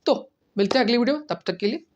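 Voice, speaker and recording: A male teacher talks through a language lesson in an easygoing, conversational way. He goes step by step, says sample phrases slowly and more than once, and keeps checking that the listener is following. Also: very high-pitched, animated, lo-fi sound. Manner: explains step by step, often asks "right?" and repeats phrases slowly. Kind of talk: casual spoken lesson.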